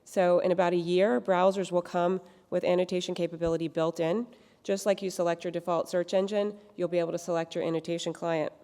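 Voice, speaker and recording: A woman giving a brisk lightning talk at a conference while losing her voice, clearing her throat now and then. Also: fairly low pitch, dark tone. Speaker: conference presenter. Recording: reverberant conference hall.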